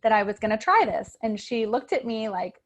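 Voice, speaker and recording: A woman in her thirties, a registered nurse, telling an earnest, animated personal testimonial on a group call. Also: fairly high pitch, a little fast.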